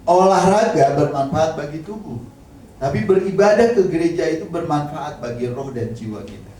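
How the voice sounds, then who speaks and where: Male pastor, casual sermon with jokes, slightly high-pitched voice, heavy hall echo, mic set back, faint background noise. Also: lively intonation, normal speed, mellow. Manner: casual conversational preaching with humorous asides; addresses the congregation directly and often. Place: church hall. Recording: very echoey hall, mic at a distance.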